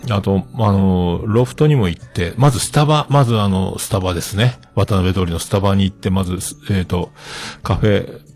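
A man's voice: low voice, brisk, darkish tone, slightly rough, soft background music. A man hosting a show, chatting casually on his own in a rambling, self-joking way. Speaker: host. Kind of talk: casual solo chat.

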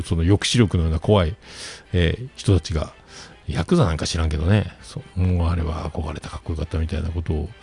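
A man's voice: deep voice, creaky, mellow. A man telling a rambling story in casual chat, with many fillers and asides.

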